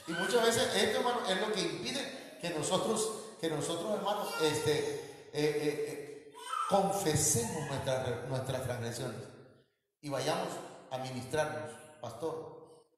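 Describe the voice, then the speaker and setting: A man with a Mexican Spanish accent preaching a sermon as pastor, with animated delivery that climbs high for emphasis. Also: unhurried, noisy background. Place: church hall. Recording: echoey hall.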